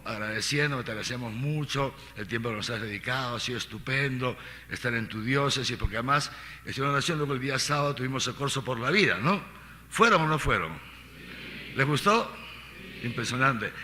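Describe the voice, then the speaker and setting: A middle-aged man preaches a catechesis as archbishop, firing off rhetorical questions and repeating his points. His voice is very forceful and sharp. A long reverb trails after him through a large church hall. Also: medium pitch, slight background noise. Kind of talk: catechesis talk to a congregation.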